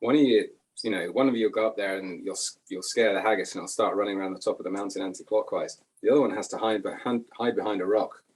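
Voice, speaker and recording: A man talking through a tasting in a measured, descriptive way, and telling a deadpan tall tale. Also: fairly low pitch, breathy edge. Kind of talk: casual tasting chat.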